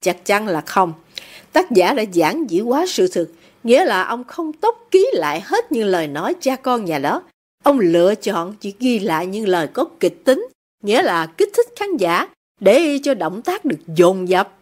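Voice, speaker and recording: Expressive woman literary narrator. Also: medium pitch. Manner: measured, explanatory. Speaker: radio host. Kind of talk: literary reading and commentary.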